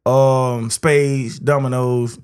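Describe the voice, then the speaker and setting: A man's voice: medium pitch, level tone, very slow, a little mellow, smooth. A man chatting casually as a podcast host, telling anecdotes in profane, slangy language.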